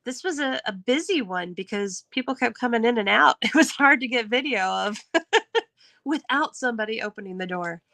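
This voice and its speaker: Bright, high-pitched upbeat woman host. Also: animated, moderate pace, gravelly, dry recording, poor audio. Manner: upbeat, chatty, laughs often. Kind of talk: live game-show hosting.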